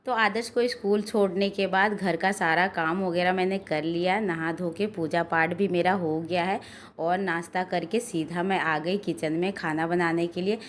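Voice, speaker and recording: Hoarse chatty woman vlogging at home. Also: fairly low pitch, fairly even intonation, moderate pace, a little hiss or hum. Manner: chatty, rambling, frequent filler "ना". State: hoarse from a sore throat. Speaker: vlogger and mother. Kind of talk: casual cooking and daily-life vlog narration. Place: home kitchen.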